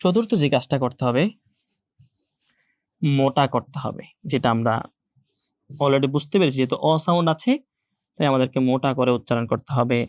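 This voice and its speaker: A man's voice: medium pitch, normal speed, long pauses, no room sound, studio quality. A young man teaching an online Quran class, who patiently repeats each letter sound again and again for his students. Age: young adult.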